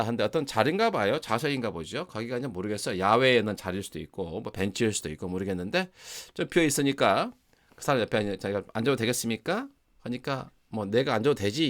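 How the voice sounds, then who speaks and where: A man with a Gwangju Korean accent teaching an online English grammar lesson. He acts out short example dialogues and slows right down for the English phrases. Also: on the low side. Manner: lively explaining, acting out example dialogues, slowing for English phrases.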